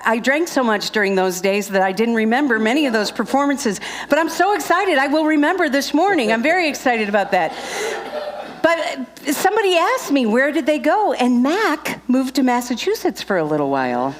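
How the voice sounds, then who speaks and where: A woman minister giving chatty, joking announcements at the start of a Sunday service, laughing often. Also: high voice.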